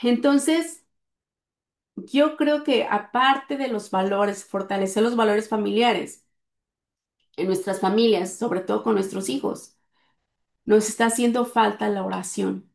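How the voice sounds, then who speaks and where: A woman's voice: medium pitch, unhurried, creaky, pauses often, darkish tone, reverberant. A middle-aged woman earnestly telling a personal story, with many fillers along the way. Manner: earnest, speaks with frequent fillers. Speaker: guest sharing testimony.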